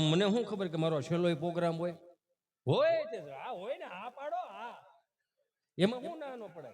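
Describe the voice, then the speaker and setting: A male folk comedian with a strong Kathiawadi accent tells stories on stage in a fairly high voice. His delivery is folksy and teasing, and he keeps calling out to the crowd as bapu. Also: darkish tone. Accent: Kathiawadi Gujarati. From Saurashtra, Gujarat.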